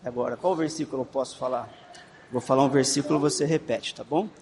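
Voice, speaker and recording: In an echoey room with faint background noise, a man leads a children's Bible class game, repeating instructions and gently encouraging the kids. His voice is mid-range, steady and a little mellow, and he speaks quickly.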